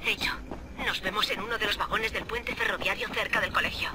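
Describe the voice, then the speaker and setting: An actress voicing a young woman survivor in a game dub, speaking briskly and urgently over a helmet radio. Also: mid-range voice, steady tone, noisy background. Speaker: game character calling in by radio. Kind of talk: Spanish game dub acting.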